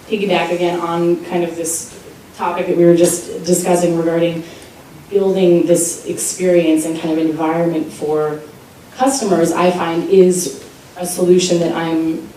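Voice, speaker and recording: Woman, company founder, low mellow voice, reflective, echoey hall. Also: slight background noise. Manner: reflective, many hedges. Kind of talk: panel discussion answer. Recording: echoey hall, distant mic.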